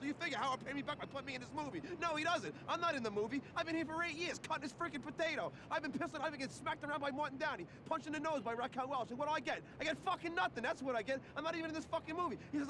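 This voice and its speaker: An actor playing an angry, put-upon radio show staffer who rants with stammers in a film scene. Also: male voice, extremely high pitch, very fast, hardly any pauses, background noise. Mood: aggrieved rant. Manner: ranting, aggrieved, stammering. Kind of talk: film acting, rant to camera.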